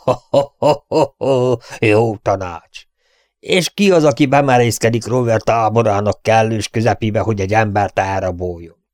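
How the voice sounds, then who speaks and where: A man voicing a rough gunman who laughs coarsely and mocks. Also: lowish voice, darkish tone, no echo, clean studio sound, lightly acted. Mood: mocking. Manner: coarse, mocking.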